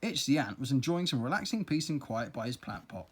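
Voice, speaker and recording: A storyteller reading a children's story aloud in a playful, expressive way. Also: medium pitch, a little fast, breathy edge.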